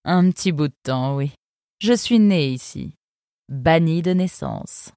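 A woman's voice: sits low, expressive, slow pace, warm tone, no echo, clean studio sound. A woman voicing a tall tattooed female fox who talks in a blunt, offhand, cynical way in a storybook.

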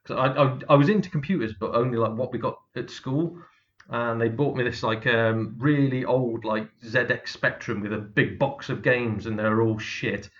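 A man's voice: mid-range voice, moderate pace, lo-fi sound. A man, a comedian, chatting casually and bluntly about his career, swearing freely and laughing through his stories. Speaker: comedian guest. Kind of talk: casual podcast chat.

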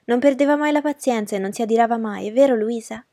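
A woman reading aloud and voicing a sweet, childlike young lady who chatters in a soft, girlish way. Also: a little high, quick pace, no echo, studio quality, lightly acted. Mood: chatty. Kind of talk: audiobook character reading.

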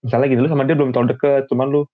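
A man's voice: medium pitch, little pitch movement, racing, no echo. Young man with a tinny dry sound. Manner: slangy, hesitant, full of restarts. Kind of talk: casual chat.

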